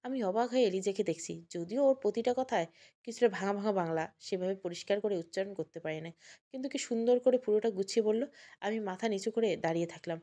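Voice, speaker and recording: A woman storyteller narrating an emotional family story in a steady voice. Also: mid-range voice, fast.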